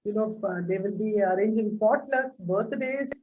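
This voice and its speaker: A woman's voice: mid-range voice, moderate pace, recorded from a distance, narrow, tinny audio. A woman speaking earnestly on a panel, telling anecdotes with many "you know"s. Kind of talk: reflective talk with anecdotes.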